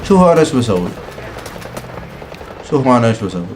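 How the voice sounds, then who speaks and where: A young man giving excitable, teasing live commentary while playing a shooter game. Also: medium pitch, rapid-fire, soft background music. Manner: excitable, teasing, mutters complaints. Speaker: gaming streamer. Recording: game audio with gunfire behind.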